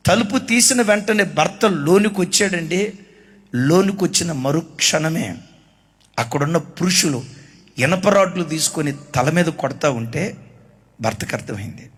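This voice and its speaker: A man preaching a sermon, telling a story dramatically and rising to shouts. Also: fairly high pitch, expressive, a little slow, slightly rough.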